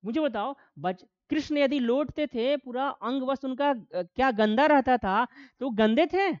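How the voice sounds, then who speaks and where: Guy teaching a class, keeps asking questions n answering them, lively, kinda muffled dry sound. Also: extremely high pitch, unhurried, no echo. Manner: asks students questions and answers them himself; animated, acts out quoted voices. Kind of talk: classroom lecture.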